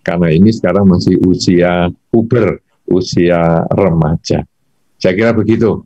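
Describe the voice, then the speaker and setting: A monk speaks calmly and in measured steps, working through his advice point by point. His voice is very low, and the recording sounds dull and muffled. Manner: calm, measured, lists points in order. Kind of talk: dharma talk advice.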